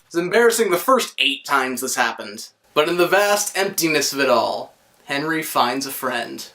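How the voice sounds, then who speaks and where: A man's voice: medium pitch, big pitch swings, moderate pace, sharp tone, a little hiss or hum. A young man giving a comedic film review, joking and sarcastic.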